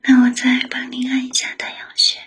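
A woman whispering softly as an attentive young secretary who looks after her boss in an ASMR roleplay. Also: high-pitched, monotone, fairly quick. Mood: caring. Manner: soft whispering, gentle and solicitous.

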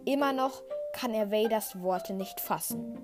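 A woman's voice: medium pitch, measured pace. A woman hosting a podcast, dramatically narrating a retold story. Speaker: podcast host. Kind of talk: scripted story retelling. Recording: narration over music.

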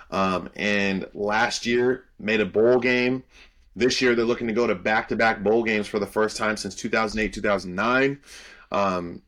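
Low-voiced young man talking football. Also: a bit bright. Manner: loose and confident, many "um" fillers. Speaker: podcast co-host and college football analyst. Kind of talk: casual sports chat.

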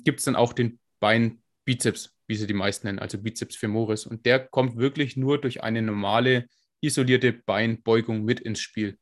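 A man with a scratchy smoker's rasp, co-hosting a podcast and explaining technical points in an informal, casual way. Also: mid-range voice. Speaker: podcast co-host and fitness coach.

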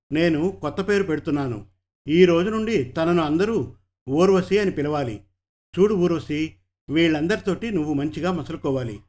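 A man's voice: a little high, a little mellow, lightly acted. Give me a domineering middle-aged woman who runs a brothel, commanding and threatening, read by a man.

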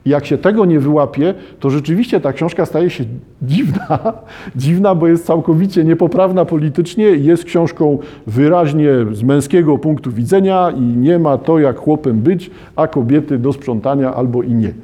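A man's voice: on the high side, normal speed, warm tone. A man reading passages from a novel aloud and breaking off into analytical, conversational commentary. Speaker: literature lecturer.

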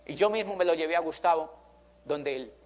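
High-voiced man telling a story. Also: normal speed. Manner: animated, emphatic, repeats phrases for effect. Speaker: motivational speaker. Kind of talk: motivational storytelling to an audience.

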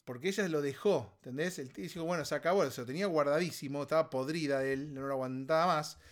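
A man with an Argentine accent hosting a podcast, riffing on a song in casual comedic commentary, animated and exasperated, mocking lines in a put-on voice. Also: on the high side, fast talker. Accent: Argentine Spanish. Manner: animated, exasperated, mock-quotes lyrics in a put-on voice. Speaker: podcast host. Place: home recording setup.

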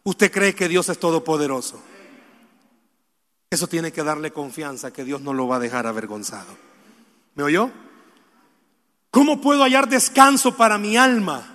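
A man preaching a sermon, addressing the congregation directly with questions and moving between soft, sorrowful confession and loud exhortation. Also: on the high side, sing-song, moderate pace, long pauses, big-room sound.

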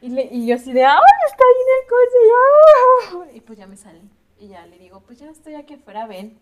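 A woman's voice: sits high, huge pitch swings, a little fast, narrow, tinny audio. A young woman, co-hosting a podcast and animatedly telling a story, acting out her own reactions. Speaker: podcast co-host. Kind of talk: casual chat.

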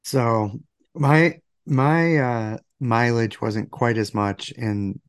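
A man co-hosts a casual podcast with a gravelly voice that is still recovering from illness. The sound is dry and close, and his talk is loose banter at a middling pitch. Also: fairly even intonation, drawn-out words, no echo. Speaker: podcast co-host.

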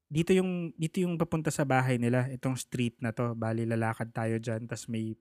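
Man telling a story with animated quotes. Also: medium pitch, moderate pace, no echo, studio quality. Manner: animated, acts out the people he quotes. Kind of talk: casual storytelling chat.

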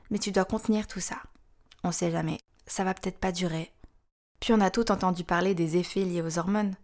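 Frank, gravelly woman podcast host. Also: lowish voice. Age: 30s. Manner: frank, wry, confiding. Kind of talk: scripted podcast narration.

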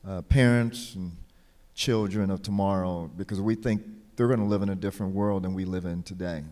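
A man hosting a recorded session, interviewing conversationally in a halting way, rephrasing as he goes. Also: low voice, steady tone, dark tone. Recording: long hall reverb.

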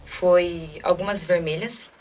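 A young woman in her twenties with a Brazilian Portuguese accent, a guest telling a personal story quickly and emotionally and acting out quoted dialogue. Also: lowish voice, fairly even intonation, a little hiss or hum. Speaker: interview guest. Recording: mic at a distance, faint music.

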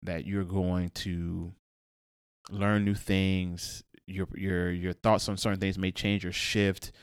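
A man's voice: deep voice, level tone, takes it slowly, smooth, no room sound, studio quality. A young man co-hosting a podcast, casually thinking aloud, searching for words and quoting his own thoughts. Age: young adult. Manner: rambling, searches for words, quotes himself. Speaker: podcast co-host. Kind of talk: casual chat.

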